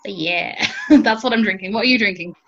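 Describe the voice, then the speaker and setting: A woman's voice: mid-range voice, a little fast, creaky, fairly bright tone. A woman co-hosting a podcast over a video call, joking about herself and laughing often. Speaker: podcast co-host. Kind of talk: casual chat. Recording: dull lo-fi call audio.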